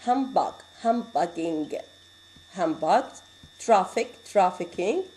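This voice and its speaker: A woman's voice: mid-range voice, expressive, mellow, rough recording. Arabic-accented woman teaching English grammar. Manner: explains slowly, repeating words and reading out examples; switches into Arabic to explain. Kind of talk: classroom lecture.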